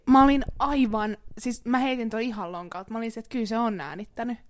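A woman's voice: on the high side, dry recording. Giggly young woman in a dry home studio. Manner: giggly, mixes English phrases into talk. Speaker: podcast co-host. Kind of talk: casual chat.

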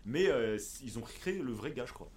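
A man co-hosting a casual podcast chat, animated and quick to laugh, recorded in a mountain refuge. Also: mid-range voice, a little hiss or hum. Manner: animated, chatty, laughs easily. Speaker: podcast co-host.

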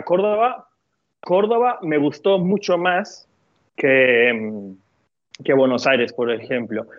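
A man from Spain talking as a guest on a casual podcast, animated and quick to laugh and swear. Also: medium pitch, dry recording, phone-quality sound.

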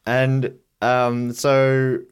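A man's voice: mid-range voice, monotone, very slow, smooth. An Australian man co-hosting a podcast, chatting casually and jokily about music, full of wordplay and rambling asides. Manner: jokey, rambling, plays on words. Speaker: podcast co-host.

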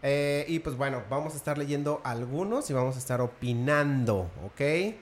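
A man's voice: mid-range voice, lively intonation, normal speed. A man hosting a casual podcast, chatting informally and addressing listeners as friends. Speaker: podcast host.

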